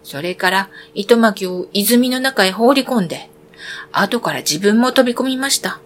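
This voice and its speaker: A woman reads a fairy tale aloud for children. Her telling is clear and expressive, in a mid-range voice. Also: mid-range voice, moderate pace. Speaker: storyteller.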